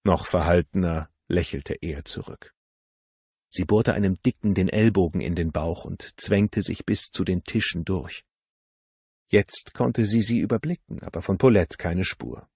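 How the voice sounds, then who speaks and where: A man narrating an audiobook in a calm, measured reading. His voice sits very low with a gravelly, husky edge, and the recording is close and dry. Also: dry recording. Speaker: audiobook reader. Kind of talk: scripted novel narration.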